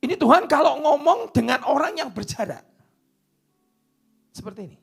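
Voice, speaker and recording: A man preaching a sermon into a microphone in church, swinging from loud declarations down to hushed whispers. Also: very high voice, lively intonation, normal speed, vocal fry, faint music behind. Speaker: pastor.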